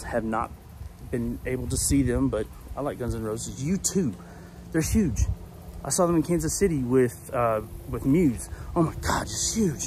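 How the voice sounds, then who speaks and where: Out in the backyard with his phone held at arm's length, a vlogger rambles through an easygoing walk-and-talk monologue, correcting himself along the way. His voice is medium-pitched and darkish, with slight background noise.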